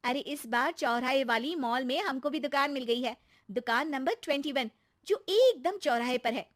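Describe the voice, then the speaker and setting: A woman voicing a chatty young wife in a cartoon moral story, who talks eagerly and gets upset fast. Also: natural voice. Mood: excited. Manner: eager, talkative, high and excited.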